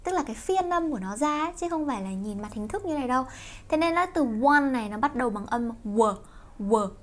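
A young Vietnamese woman teaching English through songs, explaining quickly and slowing down to sing lines. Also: high-pitched, animated. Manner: quick explanations broken by slow sung lines. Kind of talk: song-based English pronunciation lesson.

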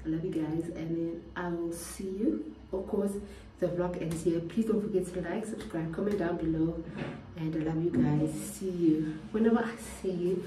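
A woman's voice: lowish voice, moderate pace, far from the mic. A woman from South Africa chatting casually to her vlog viewers. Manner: chatty, animated when annoyed. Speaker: vlogger. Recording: roomy sound from off-mic, faint background noise.

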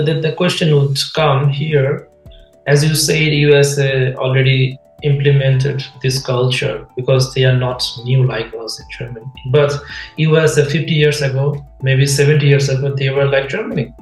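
A man's voice: mid-range voice, little pitch movement, normal speed, soft background music. A man in his thirties hosting a video call interview from home, asking questions hesitantly with frequent restarts. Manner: hesitant, restarts often, non-native English. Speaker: host. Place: room at home. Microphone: webcam on video call. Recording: echoey webcam room.

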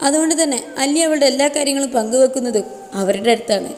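Woman storyteller, slightly high voice, long reverb, faint music behind. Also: fast, darkish tone. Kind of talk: scripted story narration. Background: faint background music.

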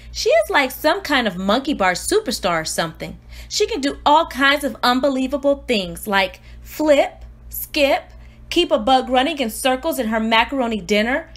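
A woman reads aloud in an expressive storybook style, voicing a precocious, self-important newborn who keeps a diary. Her high voice sounds earnest and exclamatory, full of awe and eagerness.

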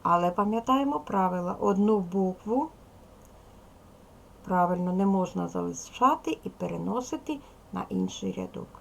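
A woman teacher giving a recorded video lesson to young schoolchildren, speaking clearly and patiently. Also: medium pitch, a little hiss or hum. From Ukraine. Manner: slow, clear instructional delivery, addressing children.

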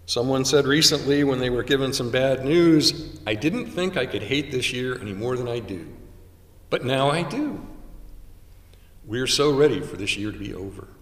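A man's voice: mid-range voice, lively intonation, fairly bright tone. Older man preaching in an echoey chapel. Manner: measured preaching with dramatic pauses. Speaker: chaplain. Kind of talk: sermon. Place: small chapel, indoors. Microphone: stand mic at pulpit, far camera. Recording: roomy chapel echo from far off.

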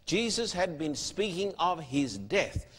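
A man's voice: a little high, big pitch swings, unhurried, a bit bright, husky. A man preaching a sermon, emphatic and fond of rhetorical questions. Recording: long hall reverb.

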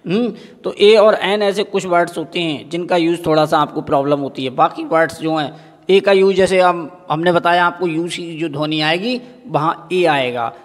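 High-voiced male teacher in an echoing room. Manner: asks the class questions and answers them himself; repeats each example word slowly. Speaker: school teacher. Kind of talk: classroom grammar lesson.

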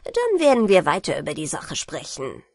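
A woman's voice: low voice, huge pitch swings, moderate pace, dry recording, clean studio sound, pitched below the performer's own voice, exaggerated voice. Woman reading as a sly old merman. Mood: sly, hearty. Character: old male merman, sly, hearty, fond of brandy.

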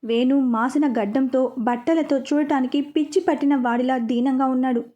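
A woman narrating a serialized heart-touching story at a steady, even pace. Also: sits high, moderate pace, lo-fi sound.

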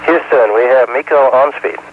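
A man, an astronaut aboard the spacecraft, giving brisk, clipped readbacks over a breaking-up space radio link. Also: medium pitch. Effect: breaking-up space radio from orbit. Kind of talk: terse radio replies. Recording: thin phone-like radio with hiss.

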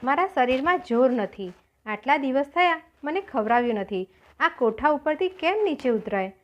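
A weak captive king from a storybook, weary and pleading, as a woman narrator voices him. The voice rises high as he begs, rather than dropping low for a man. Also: animated, moderate pace.

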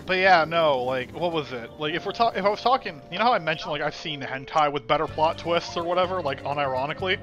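A young man with a lisp banters sarcastically while playing a game, swearing often. His voice is bright and sits a little high, swinging widely in pitch. Faint game music plays beneath him. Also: lively intonation, fast talker, few pauses, dull audio. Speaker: let's play co-host. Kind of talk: casual gaming chat.

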